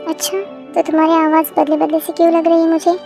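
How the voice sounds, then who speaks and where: Woman doing a caring dad, gentle and concerned, very high voice, amateur fan dub. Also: completely flat delivery, fast talker, vocal fry, faint music behind. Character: caring older father.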